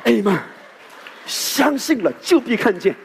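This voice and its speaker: Animated male pastor in an echoing hall. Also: very high-pitched, a little slow, gravelly, slight background noise. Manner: animated, exhorting preacher addressing the congregation. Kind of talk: sermon. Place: church hall. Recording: echoey hall.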